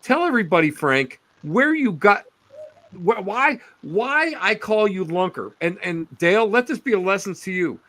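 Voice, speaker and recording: An older man from Western New York chatting casually on a podcast, animated and teasing, often laughing. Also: high voice, moderate pace. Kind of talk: casual chat.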